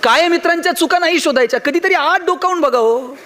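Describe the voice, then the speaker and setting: A motivational speaker gives a public speech, telling funny stories and talking straight to his audience. His voice is very high-pitched, fast, bright and forceful, with a little hiss or hum in the recording.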